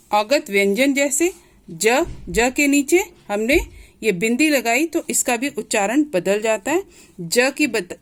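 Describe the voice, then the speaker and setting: A woman with a higher voice teaches a grammar lesson at an unhurried pace. Her pitch moves a lot as she repeats each point patiently and sounds out each letter. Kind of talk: classroom lesson explaining letters.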